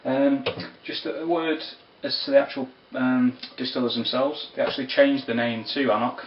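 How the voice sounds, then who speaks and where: A man's voice: medium pitch, slight background noise. Man reviewing whisky from across a room. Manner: unhurried, descriptive, with wry asides. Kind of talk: casual spoken tasting review. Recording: roomy, distant, dull lo-fi sound.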